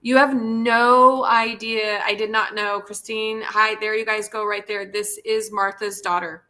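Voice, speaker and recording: Earnest, bright-voiced woman host. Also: medium pitch, little pitch movement, moderate pace. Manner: earnest, pleading, repeats words when emotional. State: tearful at times. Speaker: podcast host and pet spa owner. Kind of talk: live-stream casual talk.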